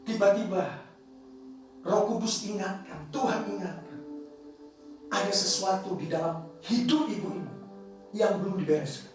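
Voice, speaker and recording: A man's voice: high-pitched, moderate pace, pauses often, faint music behind. A male pastor telling a story in a sermon, emphatic and repetitive, with his voice carried across a church hall. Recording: echoey church hall, distant mic.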